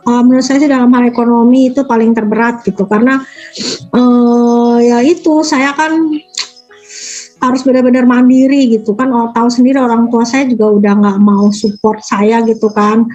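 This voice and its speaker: A woman in her forties tells her story in a loose, chatty way, her voice sitting high. She slips into livelier voices when she quotes people. Soft music plays faintly behind her. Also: steady tone, normal speed, highs cut off. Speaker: interviewee. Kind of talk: casual storytelling.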